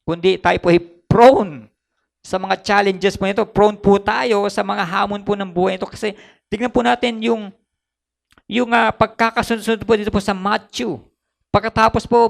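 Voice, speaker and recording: A Filipino man preaching from the pulpit in a very high voice with a heavy gravelly fry. He slips between Tagalog and English and doubles back on his phrases to drive each point home. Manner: mixes Tagalog with English, repeats phrases for emphasis. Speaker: pastor. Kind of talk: sermon.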